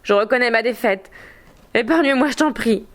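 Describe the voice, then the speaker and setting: A woman reading aloud, voicing a huge, brutish male knight with a gruff, scornful tone. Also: fairly high pitch, normal speed, natural voice. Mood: defeated.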